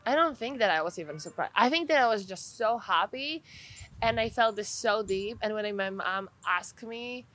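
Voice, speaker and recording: A Polish woman who is an athlete and trainer answers interview questions earnestly. Her mid-range voice is a bit bright and moves at a moderate pace, and she restarts sentences while searching for the right words.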